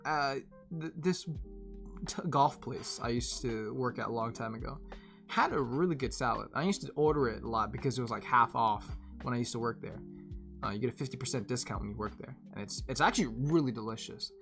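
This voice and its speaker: A young woman streamer chatting casually with her viewers, rambling and laughing often, going from animated bursts to tired murmurs. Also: a bass voice, a little fast, soft background music. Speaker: live streamer.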